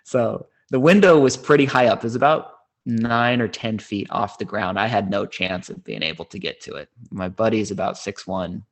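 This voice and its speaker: A man in his thirties, a podcast host, telling a personal story in a casual, unhurried way that gets animated when he quotes others. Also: on the low side. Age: 30s.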